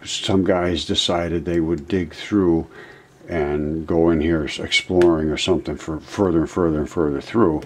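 A channel host sits before a screen indoors and lays out his own theory in a rambling, informal video lecture, addressing viewers as friends. His low voice keeps a fairly even intonation at normal speed, with background noise present.

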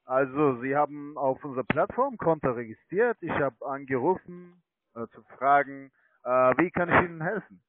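This telemarketing call comes from an online trading account manager whose first language isn't German, so he pitches in broken, hesitant phrasing. His voice is fairly high and his pace moderate. There's no echo, but the narrowband line sounds tinny.

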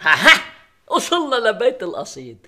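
An actor with a Lebanese accent plays a teasing, exasperated husband and father in a sitcom, using an exaggerated voice with huge pitch swings at a brisk pace. He mocks one moment and wheedles the next, swinging from booming to softly coaxing, over a noisy background.

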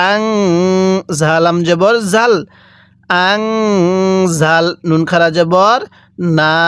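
A man teaching Quran reading, spelling out letters and vowel marks and drawing out syllables slowly for listeners to repeat after him. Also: high-pitched, a bit bright, clean tone, no room sound, studio quality. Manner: draws out recited syllables very slowly. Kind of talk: step-by-step recitation lesson.

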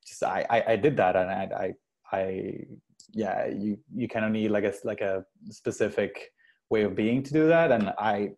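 A man in his thirties from Venezuela, a guest on a video-call interview, talking in a halting way with many restarts. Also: on the low side, a little mellow. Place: small room indoors. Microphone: earbud headset mic on video call.

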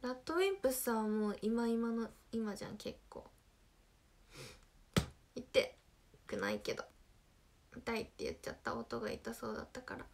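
A woman's voice: on the high side, sing-song, normal speed, gravelly, pauses often, slight background noise. A young woman with a Hiroshima dialect chatting casually with viewers on a livestream, reacting to comments and humming snippets of songs. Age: young adult. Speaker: idol livestream host.

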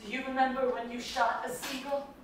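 A woman acting a distraught, wistful young actress on stage, drifting between hushed and sudden outbursts, taped from far in an echoey theater. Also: sits high, little pitch movement, fairly quick, a little hiss or hum, close to an everyday voice. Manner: dreamy, wandering, drifting between hush and outburst. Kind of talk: stage play performance. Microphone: distant room mic.

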